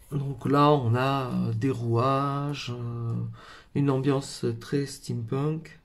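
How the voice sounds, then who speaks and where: A man's voice: medium pitch, creaky, darkish tone. A man in a casual craft haul video, talking in a hesitant way with lots of fillers and self-corrections. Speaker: craft vlogger.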